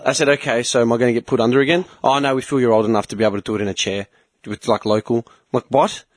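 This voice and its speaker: A man's voice: medium pitch, fairly even intonation, very fast, noisy background. A man telling a story in casual chat, swearing often and speaking with animation.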